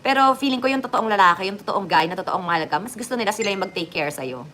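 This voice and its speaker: Chatty Filipina vlogger with jumpy delivery. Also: female voice, fast talker, a little hiss or hum. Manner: chatty, lively swings in pitch and loudness, joking asides. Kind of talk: casual chat to viewers.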